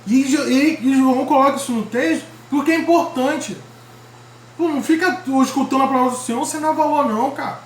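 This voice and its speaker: A man's voice: very high voice, fairly quick. A Brazilian man preaching in a loose, everyday way, full of slang, switching into little voices for the figures he quotes. His voice rings around an echoey room over a faint hum of ambience. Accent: Brazilian Portuguese. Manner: slangy, animated, acts out quoted speech. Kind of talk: informal sermon.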